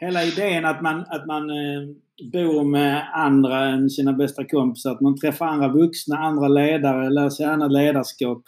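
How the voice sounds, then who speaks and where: A man's voice: fairly high pitch, flat delivery, hardly any pauses, darkish tone. A man with a Scanian Swedish accent hosting a casual podcast chat, leading segments with a joking announcer tone. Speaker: podcast host. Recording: roomy echo.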